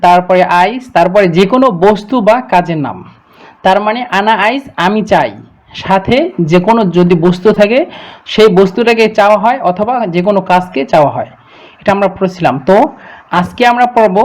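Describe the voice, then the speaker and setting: A man teaching a beginner Arabic lesson, saying each phrase slowly and repeating it for learners to copy. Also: high-pitched, a little mellow. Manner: slow, repeated model pronunciation.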